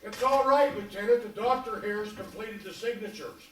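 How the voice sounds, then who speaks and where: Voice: medium pitch, normal speed, a bit bright, natural voice. An actor playing a formal asylum superintendent. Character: middle-aged male asylum superintendent, formal and polite. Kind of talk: live stage acting. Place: theater stage. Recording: echoey stage sound, far mic, audience heard.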